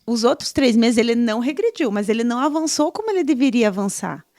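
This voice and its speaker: A woman's voice: fairly high pitch, animated, quick pace, a little mellow, no echo. Chatty woman podcast host, dry sound. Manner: chatty, storytelling. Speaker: podcast host, clinic professional. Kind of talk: podcast interview.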